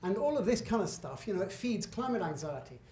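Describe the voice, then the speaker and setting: Very animated and a little fast, a middle-aged British man with a high-sitting, darkish voice gives a public slide lecture as a guest in a lecture hall. He speaks conversationally and emphatically with asides and self-corrections, recorded with echo and faint room noise.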